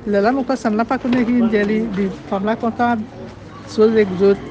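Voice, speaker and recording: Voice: mid-range voice, steady tone, normal speed, crowd noise. Someone rambling through an account in a street interview. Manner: rambling, repetitive telling. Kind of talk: street interview recounting events. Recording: dull outdoor street recording.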